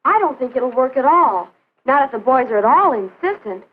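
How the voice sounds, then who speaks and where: High, husky skeptical 1950s girl. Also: very animated, moderate pace. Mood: skeptical, earnest. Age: teens or young adult. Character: skeptical, outspoken teenage girl. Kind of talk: 1950s educational film acting. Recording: narrow phone-like 1950s film soundtrack.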